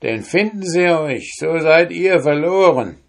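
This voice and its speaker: Old woman, voiced by a man, anxious, kind, high-pitched, fairy-tale storybook. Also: lively intonation, measured pace, creaky. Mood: urgent. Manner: high, urgent warning tone.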